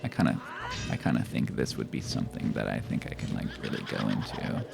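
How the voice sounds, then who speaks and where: A man voicing an affected deep-voiced male streamer persona, slow and halting in delivery. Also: expressive, creaky, over loud music, heavily acted. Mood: drawn-out, affected.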